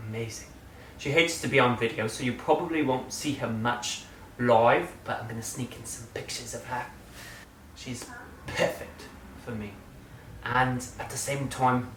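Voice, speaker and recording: A channel host gives a casual, playful update in a medium-pitched voice, hamming it up with loud bursts and quiet asides and sometimes slipping into a put-on British-style accent. He sits some way from the mic, so he sounds distant, and the room echoes over a faint hum.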